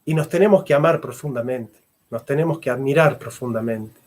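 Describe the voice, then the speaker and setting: A middle-aged philosopher and history teacher delivers an impassioned, fervent lecture, repeating phrases for emphasis. His voice is medium-pitched with a darkish tone, and he speaks a little fast.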